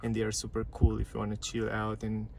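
A man reviewing a parked car talks casually through its dashboard and touchscreen menus, repeating phrases and using non-native grammar in a chatty way. His voice is on the low side, creaky, a little fast, and completely flat, with slight background noise.

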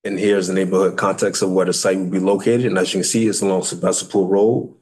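An American man in his thirties with a fairly low voice presents a project formally at a public meeting. He speaks as a city planner, haltingly, repeating and correcting words as he goes. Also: flat delivery, darkish tone. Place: indoor meeting room at a table.

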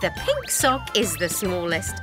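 A woman narrating a preschool cartoon story in a slow, sing-song, encouraging way. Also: on the low side, wildly swooping pitch, over loud music. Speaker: storyteller and presenter.

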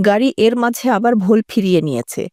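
Lady narrating a story for students, warm mellow voice, dry close sound. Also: mid-range voice, lively intonation, fairly quick, no room sound. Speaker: reader of a textbook story. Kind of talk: scripted narration.

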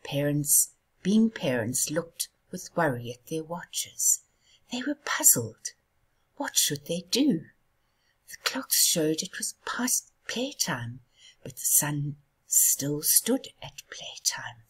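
A woman reading a children's story aloud in a soft, hushed, half-whispered way. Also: low voice, sing-song, slow, slightly rough. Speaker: storybook reader.

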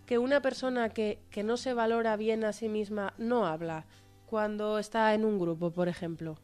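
A woman's voice: mid-range voice, fairly even intonation, normal speed, a little mellow, clear, resonant tone, faint music behind. A woman with a Spanish accent leading a group class and often checking in with "¿vale?". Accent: Spanish from Spain. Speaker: group facilitator.

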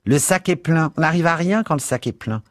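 A man voicing a brassy, nosy middle-aged cleaning woman in an audiobook, with a loud, scolding manner. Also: on the high side, lively intonation, a little fast, dry recording, studio quality, voice pushed up, natural voice. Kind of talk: audiobook character voice.

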